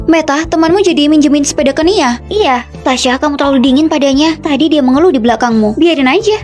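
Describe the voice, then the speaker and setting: Brisk female dubber, high bright voice, rapid clipped reads for a short drama. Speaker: voice-over dubber of all roles.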